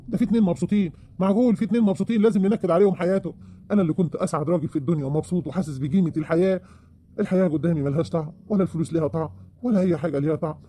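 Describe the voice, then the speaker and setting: Brief: man voicing an Egyptian husband, raised warm voice, very fast pleading; audio drama. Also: on the high side, a little hiss or hum, lightly acted. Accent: Egyptian Arabic. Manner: pleading, rapid wheedling. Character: pleading, self-pitying remorseful husband.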